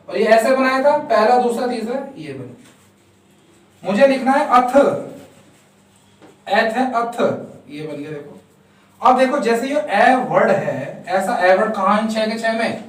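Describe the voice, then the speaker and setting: A man teaching a shorthand lesson step by step, counting out strokes and answering his own questions. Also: very high-pitched. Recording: very echoey room, voice far from mic.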